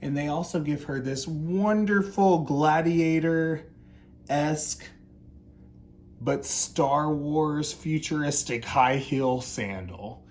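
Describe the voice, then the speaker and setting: Speaking slowly in a slightly high voice, this male doll review host delivers off-the-cuff product commentary with campy, gushing drag-queen flair. A little background noise can be heard.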